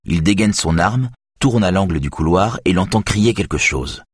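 Deep, husky male narrator for a thriller audiobook, measured and dry. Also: lively intonation, dry recording. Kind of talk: scripted narration.

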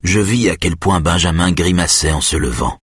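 Very deep husky male narrator. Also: dry recording, studio quality. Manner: calm, measured, intimate. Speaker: audiobook narrator. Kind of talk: first-person literary narration.

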